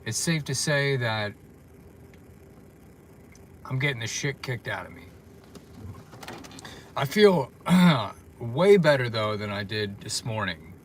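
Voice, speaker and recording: A man's voice: mid-range voice, expressive, slow pace, pauses often, slight background noise. A tired man chatting casually on a livestream from his parked car, rambling with lots of fillers. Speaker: vlogger.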